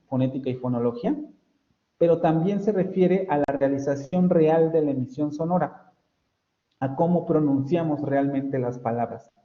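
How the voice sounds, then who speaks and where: Mexican professor lecturing in a roomy echo. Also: male voice, mid-range voice. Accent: Mexican Spanish. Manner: explanatory, self-correcting, frequent fillers. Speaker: university professor. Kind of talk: online phonetics lecture. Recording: roomy, dull lo-fi audio.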